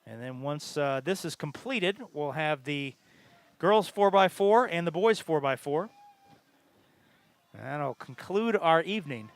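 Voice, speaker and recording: A man giving live sports commentary on a track meet, measured and informative, pausing between facts. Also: on the high side, expressive, dry recording.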